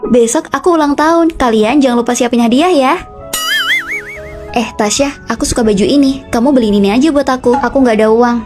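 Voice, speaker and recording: A young woman dubbing several college dorm roommates in a short drama, trading quick, bickering lines and switching between characters. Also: on the high side, music in the background. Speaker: voice actor.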